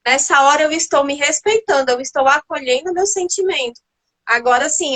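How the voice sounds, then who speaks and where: A woman's voice: sits high, pushed and bright, low-quality recording. A woman on a live panel, reflecting casually and walking through her own inner dialogue. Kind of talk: casual live talk on emotions.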